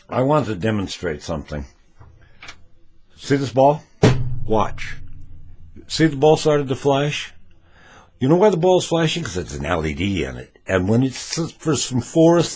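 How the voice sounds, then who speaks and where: Using props to show his points, a man films a homemade commentary video and talks with emphasis. He's an amateur video maker whose medium-pitched voice carries a breathy edge.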